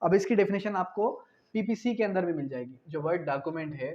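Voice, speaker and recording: A law lecturer with a Pakistani accent, his voice sitting high and animated, prepares students for an exam by reading out definitions in a didactic way. He repeats key phrases, poses rhetorical questions, and moves between Urdu and slowly read English phrases. The lecture audio is dull and lo-fi.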